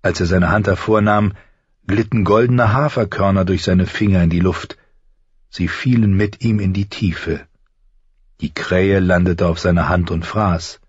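A man narrating a fantasy audiobook in a slow, measured, dramatic way. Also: deep voice, fairly even intonation, husky, dry recording, highs cut off.

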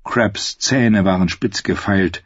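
A man reading a fantasy novel aloud in scripted narration, with a husky voice. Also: deep voice, takes it slowly, dry recording. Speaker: audiobook reader. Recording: slightly dull, dry audiobook recording.

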